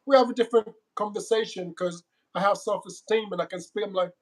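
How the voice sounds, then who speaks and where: This middle-aged man, speaking with a West African accent in a frank interview, has a fairly high voice for a man and moves at a quick pace. He hammers his points home forcefully, circling back to repeat words.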